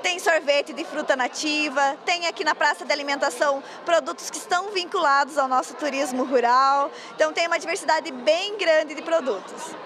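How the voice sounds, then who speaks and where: A woman's voice: high-pitched, a little fast, few pauses, noisy background. A woman, fluently explaining her work in a live news interview at an indoor fair. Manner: fluent, explanatory, occasional stumbles. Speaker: agro-industry coordinator interviewed. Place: busy indoor food fair. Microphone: handheld reporter mic.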